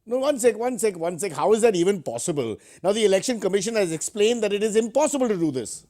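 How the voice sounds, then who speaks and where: A man's voice: high voice, expressive, fast talker, dark tone. A man with an Indian accent hosting as a parody news anchor, mock-serious with sarcastic asides. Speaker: host of a news satire show.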